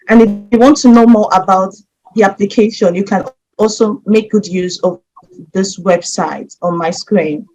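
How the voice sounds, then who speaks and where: A Nigerian woman with a mid-range voice offers steady, methodical advice on scholarship applications, speaking directly to her viewers in an instructional explainer. The recording is rough.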